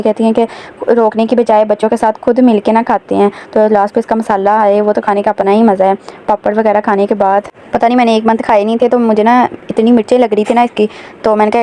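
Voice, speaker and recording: Fast-talking young woman vlogger, flat delivery. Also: medium pitch, a little hiss or hum. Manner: chatty, addresses viewers directly. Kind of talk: casual vlog voice-over narration. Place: home.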